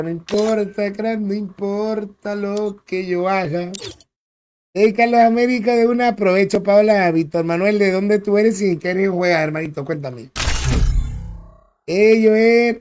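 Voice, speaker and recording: This young man streams a game live with a high-pitched, brisk, somewhat dark voice. He chats in a relaxed way, repeats himself, and greets viewers by name.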